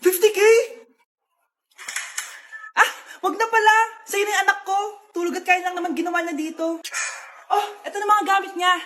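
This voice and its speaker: A woman performing comedy skits and playing every part herself, switching quickly between characters. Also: very high voice, fairly even intonation, pushed and bright.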